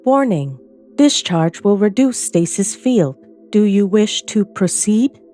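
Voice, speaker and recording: A woman voicing a spirit turned cold and metallic, speaking in clipped, flat computer-like phrases. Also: medium pitch, takes it slowly, soft background music.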